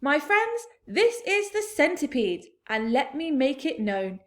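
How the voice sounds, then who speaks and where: Woman doing a bright eager little boy. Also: high voice, big pitch swings, measured pace, voice pushed up. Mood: cheerful. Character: small cheerful boy, friendly and eager.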